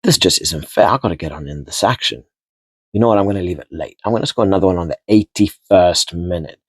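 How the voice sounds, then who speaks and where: A man's voice: low-pitched, fast talker, husky, no echo, studio quality. A man voicing a competitive male rugby player who feels left out, offhand and mock-indignant.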